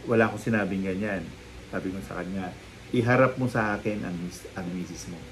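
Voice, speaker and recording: A man chatting casually as a guest on a live talk show, telling lively anecdotes and acting out the people in them. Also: low voice, brisk, slight background noise, low-quality recording. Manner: lively storytelling, acting out quoted people, frequent laughs. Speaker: guest storyteller, psychic. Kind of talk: casual chat, animated anecdotes.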